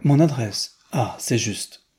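A man reading aloud, voicing an earnest American gentleman who speaks slow, halting, simple French. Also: mid-range voice, expressive, breathy edge, heavily acted. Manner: slow, hesitant, simple words.

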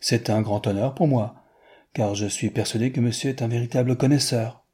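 A man's voice: medium pitch, steady tone, moderate pace, darkish tone, slightly rough, natural voice. A man reading aloud, voicing a sly, coquettish young woman copyist who bargains teasingly.

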